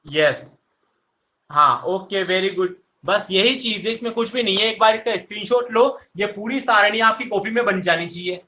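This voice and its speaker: At normal speed, a young male teacher with a high, bright voice runs an online grammar lesson, coaxing and talking straight to his students. He repeats his questions and answers them on his own, and the echoey room makes the sound bounce around.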